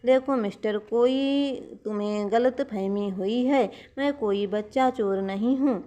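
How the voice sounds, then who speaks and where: Woman as polite young heroine, soft, coaxing, slow. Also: fairly high pitch. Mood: indignant.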